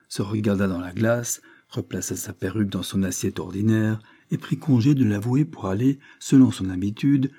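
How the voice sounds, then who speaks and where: Husky, low male audiobook narrator. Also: mellow. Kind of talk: scripted narration.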